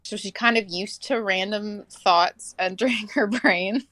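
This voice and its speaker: A woman's voice: mid-range voice, a little slow, pushed and bright, no echo. A woman explains her character's actions in a chatty, casual way, laughing a lot and leaning on "like". Her mid-range voice sounds dry and close. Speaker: player. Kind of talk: casual tabletop role-play chat.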